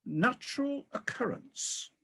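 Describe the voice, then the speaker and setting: A male actor in a comic radio play voices a weary, disillusioned, ageing king of the gods. His full character voice is very high-pitched, animated, and bright, delivered slowly in a forceful, grumbling, theatrical tone.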